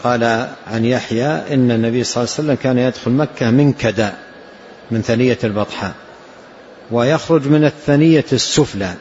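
A man gives a religious lesson, going through texts at a measured pace and repeating key phrases. His voice sits in an ordinary middle register, captured on a dull, lo-fi recording with a faint noise underneath. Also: mid-range voice, a little mellow. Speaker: religious teacher. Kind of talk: explaining hadith in a lesson.

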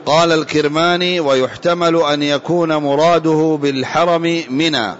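A man reading a classical commentary aloud in a lesson, measured and formal, with careful vowelling, in a muffled lo-fi recording. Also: a little high, fairly even intonation. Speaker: student reading the text aloud.

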